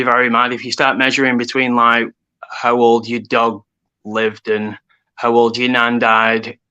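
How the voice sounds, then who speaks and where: A man in his thirties in casual chat, rambling excitedly about number connections. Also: mid-range voice, clear, resonant tone, poor audio. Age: 30s.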